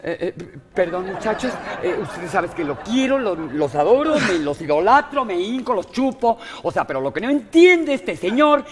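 Very animated at a normal speed with few pauses, this woman's mid-range voice is only lightly acted. The comedy performer, with a Mexican Spanish accent, plays a vain, dramatic blonde actress in a live sketch, huffing like a diva and gushing campily with plenty of "mi vida" and "hello." The room sounds big, with a little hiss or hum.

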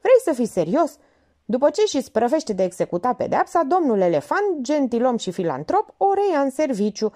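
A woman's voice: sits high, sing-song, hardly any pauses, a little mellow, voice pushed up. A woman reading the part of an irritable, impatient male police captain. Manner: impatient, insistent.

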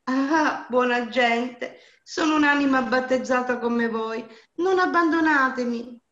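Woman reading as a young merchant's daughter, gentle and slow, a bit raised; storybook, lo-fi echoey sound. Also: medium pitch, very animated. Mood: pleading. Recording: dull lo-fi roomy recording.

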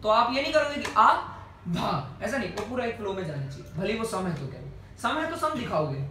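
A man's voice: high-pitched, very animated, fast talker, a bit bright, slight background noise. A man teaching a singing class, explaining patiently, checking with his students and breaking into song to demonstrate. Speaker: music teacher. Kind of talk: music lesson with sung examples. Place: indoor music class. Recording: roomy, distant mic, music behind.

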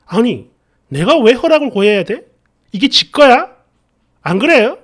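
A woman's voice: a little high, big pitch swings, a little slow. A woman narrating a dramatized first-person story in an indignant, sarcastic way.

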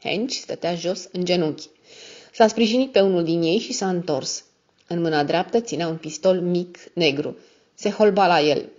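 A woman narrating an audiobook in a steady, even reading style. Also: lowish voice. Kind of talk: scripted narration. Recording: dull lo-fi audio.

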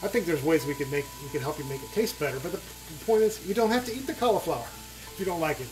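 A man's voice: fairly high pitch, lively intonation, quick pace, a little mellow, soft background music, poor audio. A man hosting a home cooking video, chatting casually with many fillers and restarts. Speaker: cooking channel host.

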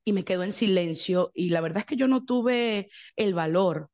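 A young Venezuelan woman, a guest in an interview, telling her story in lively detail, acting out quotes and breaking into song. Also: mid-range voice, normal speed. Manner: animated storyteller, acts out quotes, bursts into song.

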